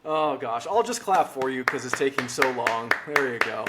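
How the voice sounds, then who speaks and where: A man's voice: mid-range voice, expressive, moderate pace, heavy background noise. Podcast host guy, mid voice, chatty and encouraging. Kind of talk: casual interview.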